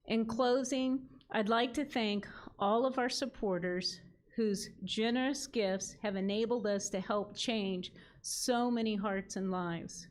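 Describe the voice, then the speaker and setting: A woman ministry leader giving a prepared gala speech in an earnest, measured reading. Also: medium pitch.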